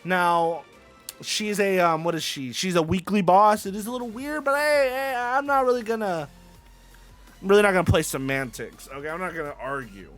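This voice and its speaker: A man's voice: high-pitched, normal speed, fairly bright tone, faint music behind. A young man hosting casual gaming commentary, hyped and playful, full of slang and repeated phrases. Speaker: gaming YouTuber host.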